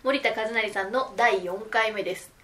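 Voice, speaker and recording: A woman reading a podcast's scripted opening in a clear, bright way. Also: a little high, moderate pace. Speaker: podcast announcer.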